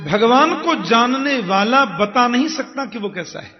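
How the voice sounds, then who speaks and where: A man's voice: very high-pitched, lively intonation, unhurried. A man preaching a devotional sermon, telling folksy stories, acting out the dialogue and chanting verses. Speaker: kathavachak preacher. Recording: dull sound with long hall reverb and music.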